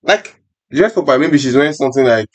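A man's voice: medium pitch, animated, quick pace. A young adult man talking informally as a podcast panelist, often repeating his phrases. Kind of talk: casual chat.

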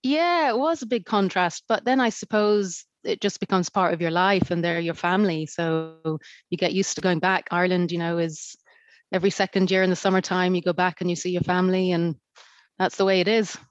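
A woman's voice: on the low side, a little fast, no room sound, highs cut off. A woman from Zambia, a podcast guest chatting casually with many fillers. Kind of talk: casual interview chat.

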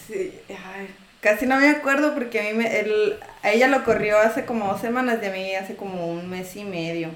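A woman telling stories in casual chat, animated and swearing freely as she acts out customers. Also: medium pitch, normal speed, few pauses, reverberant. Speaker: tortilla shop worker telling stories.

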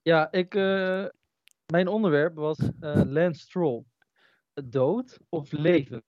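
Casual podcast co-host, slightly high voice, swears a lot, dry and muffled over a remote call. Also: male voice, slow pace, no echo. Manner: crude, swears freely, rambling. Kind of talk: casual chat. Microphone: remote call with a weak connection.

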